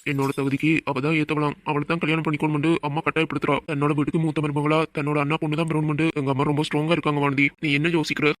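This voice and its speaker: A man's voice: on the high side, level tone, very fast, hardly any pauses, a bit bright, dry recording, natural voice. [name], a man voicing a domineering hot-tempered husband. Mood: troubled. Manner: domineering, scolding. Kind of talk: cartoon voice acting.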